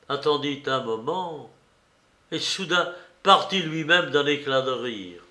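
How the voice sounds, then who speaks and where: A man narrating a classic novel aloud in a slow, measured storytelling manner. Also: mid-range voice, fairly bright tone, echoey room. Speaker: audiobook narrator. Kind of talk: literary novel reading.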